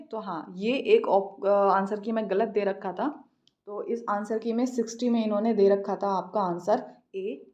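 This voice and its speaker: An Indian woman tutoring an English exam, reading questions slowly and then explaining quickly. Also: mid-range voice, warm tone. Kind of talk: exam practice lesson, Hindi-English mix.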